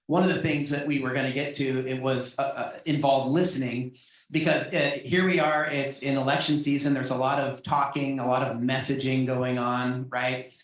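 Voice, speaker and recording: A man hosting an online talk, speaking conversationally with many "right?" tags and restarts before opening the floor to questions. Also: mid-range voice. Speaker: host and moderator. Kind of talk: webinar talk and Q&A moderation. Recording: very echoey room, distant from mic.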